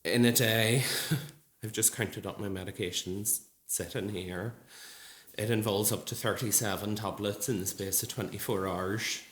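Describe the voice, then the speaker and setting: A man in his early thirties, a nurse, giving a personal testimony at an event in an earnest, measured way with frequent ums. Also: on the low side, fairly even intonation, a bit bright. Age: 30s. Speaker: nurse speaking at a support group event. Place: large gallery hall. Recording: echoey hall with faint ambience.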